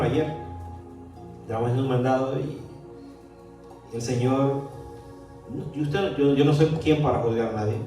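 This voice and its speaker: A male pastor preaching a sermon, swinging between emphatic declarations and quiet, confiding storytelling. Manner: preaching with rising emphasis, then dropping to a low confiding tone for anecdotes. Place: church hall. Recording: echoey church hall, mic from a distance, faint music.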